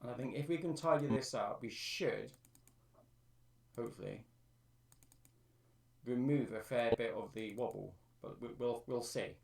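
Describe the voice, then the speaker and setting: A man's voice: medium pitch, unhurried, creaky, long pauses, a little mellow, roomy sound, far from the mic. A man on a live stream, thinking aloud as he explains how he edits his own vocal track. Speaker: streamer and amateur music producer. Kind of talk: live-stream tutorial talk.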